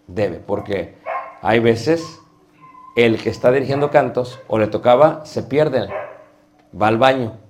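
A man's voice: medium pitch, a little mellow. A middle-aged man teaching a class on preaching, asking the students rhetorical questions. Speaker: homiletics teacher.

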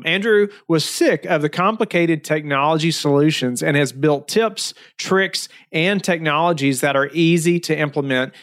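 A man hosting a podcast interview, talking casually with many fillers. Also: fairly high pitch. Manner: friendly, filler-heavy talk with many "you know"s. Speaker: host.

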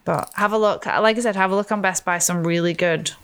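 A woman co-hosting a podcast, chatty and rambling, quick to joke in casual talk. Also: on the low side, fairly even intonation, a little hiss or hum. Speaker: podcast co-host. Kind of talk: casual chat.

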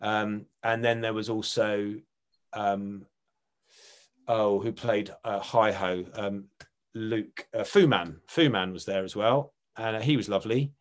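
A man's voice: on the low side, fairly even intonation, slow. A middle-aged man with an Essex accent, reminiscing casually as an actor in an interview, rambling and often correcting himself. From Essex, England. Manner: chatty, rambling, self-correcting. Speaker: actor and writer being interviewed.

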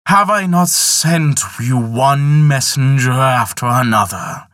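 A man voicing Death in a spoken folk tale, speaking in a slow, measured, solemn way. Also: mid-range voice, a bit bright, no echo, studio quality, pitched above the performer's own voice. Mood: accusing. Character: Death, stern male personification of death.

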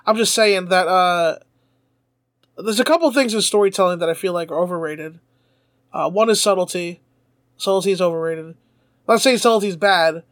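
A man's voice: high voice, fairly quick, pauses often, a bit bright, dry recording, studio quality. A man co-hosting a podcast, chatting casually, laughing often and swearing freely. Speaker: podcast co-host.

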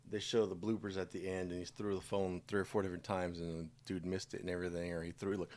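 A man's voice: deep voice, little pitch movement, fast, darkish tone. An older man co-hosting a casual podcast chat with his stepson, laid-back and teasing. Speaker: podcast co-host, stepdad.

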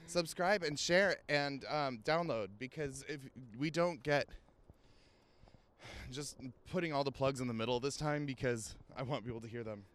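A man's voice: medium pitch, a bit bright. A man hosting a podcast, chatting enthusiastically and joking while walking outdoors. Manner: enthusiastic, jokey, quick to laugh. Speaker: podcast host. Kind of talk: casual chat while walking. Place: outdoors in a cemetery.

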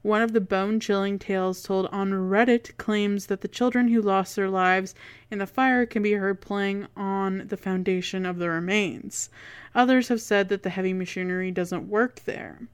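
A woman with a Canadian accent and a clear, smooth voice, co-hosting a podcast and telling local ghost lore in a conversational way. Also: medium pitch, steady tone, moderate pace. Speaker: podcast co-host.

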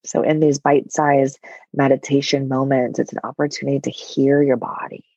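A woman guiding a meditation in a soft, soothing voice with long pauses, at times breathy and close to a whisper. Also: extremely low pitch, flat delivery, dry recording, lo-fi sound. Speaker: meditation guide. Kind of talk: guided meditation.

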